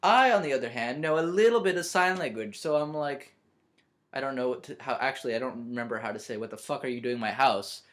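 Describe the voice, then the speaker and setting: A young man, a college student vlogging from his bedroom, telling a story in a rambling, self-interrupting, animated way. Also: medium pitch, fast talker. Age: young adult. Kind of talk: storytelling vlog.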